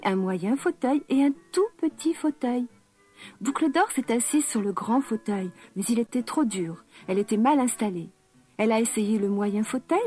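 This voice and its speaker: A woman narrating a children's fairy tale in a gentle, expressive way. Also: on the high side. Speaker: storyteller.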